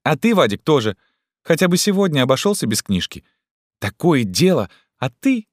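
A man's voice: on the high side, big pitch swings, moderate pace, no echo, studio quality, voice pushed up. A man voicing a bossy, caring young girl who scolds the boys in a storybook. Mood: scolding.

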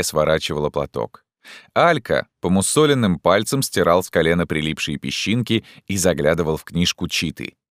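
A man narrating a story as an audiobook in an expressive way. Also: low-pitched, no room sound, studio quality. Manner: expressive, acting out voices.

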